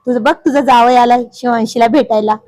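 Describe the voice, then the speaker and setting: A woman's voice: fairly high pitch, fairly even intonation, a little fast, darkish tone, no echo, close to an everyday voice. A woman voicing a playful, caring young man who is a close family friend. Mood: teasing. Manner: teasing, then concerned.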